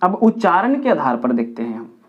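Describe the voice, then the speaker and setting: A man's voice: on the high side, sing-song, moderate pace. A man teaching a grammar lesson at a board, counting aloud step by step and repeating key points for his pupils. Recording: dull lo-fi recording.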